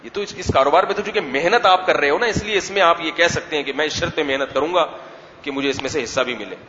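A man's voice: on the high side, bright, forceful tone, slight background noise. A man, an Islamic scholar, giving a weekly religious lecture in a conversational way, asking questions and answering them himself. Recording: echoey hall, slightly dull sound.

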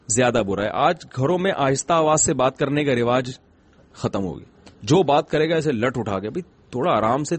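With a medium pitch and a breathy edge, a middle-aged man speaks as an Islamic scholar. His religious talk is conversational, and he tells stories gently and with humor, posing rhetorical questions along the way.

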